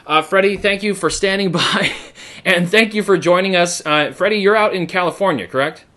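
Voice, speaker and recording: A man hosting a live online show, chatty and energetic, with frequent fillers. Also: high voice, moderate pace. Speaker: host.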